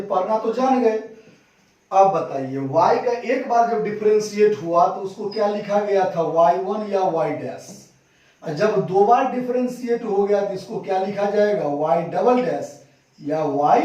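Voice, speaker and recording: Man, Bihari Hindi accent, maths teacher, slow deliberate lecture, far from the mic. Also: high-pitched, darkish tone. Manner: asks the class questions and answers them himself. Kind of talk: classroom lecture at a board. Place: classroom. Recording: echoey classroom from far off.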